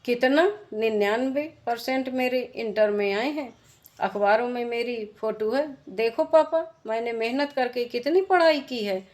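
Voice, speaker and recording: A woman voicing a spoiled teenage daughter who speaks with a sharp, contemptuous tone. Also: a little high, measured pace, close to an everyday voice. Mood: excited.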